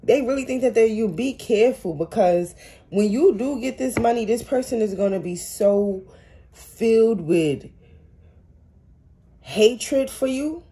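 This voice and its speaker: A woman's voice: on the high side, lively intonation, a little slow, warm tone. A young woman giving a casual tarot reading, blunt and profane, full of street slang. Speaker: tarot reader.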